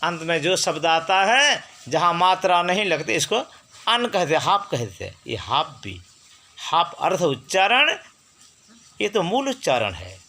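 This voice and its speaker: Man, spiritual teacher, drawn-out syllables, slow delivery, bright tone. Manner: slow, drawn-out syllables, sounds each letter out; lively, rising and falling pitch for emphasis. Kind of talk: teaching Hindi and Sanskrit pronunciation.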